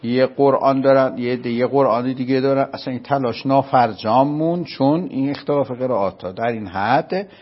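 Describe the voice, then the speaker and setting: A man from Isfahan with an Isfahani accent, explaining a religious topic step by step and often asking whether it is clear. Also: medium pitch, few pauses, muffled recording. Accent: Isfahani Persian. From Isfahan, Iran. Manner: patient, explaining step by step with checking questions. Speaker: religious scholar. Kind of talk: explanatory lecture in conversation.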